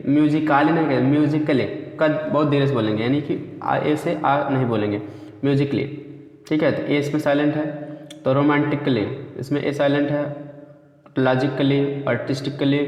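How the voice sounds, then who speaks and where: A male teacher giving a lesson, explaining step by step and repeating points, often calling his listeners friends. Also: on the high side. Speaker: English teacher. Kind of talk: spoken lesson to students. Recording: echoey room, dull lo-fi sound.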